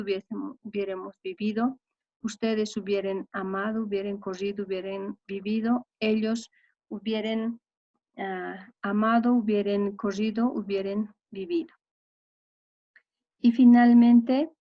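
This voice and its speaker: A woman teacher works through verb forms one after another in an even, methodical recitation. Her voice sits at a middle pitch. The recording sounds dull and lo-fi. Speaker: language teacher. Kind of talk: recorded grammar lesson.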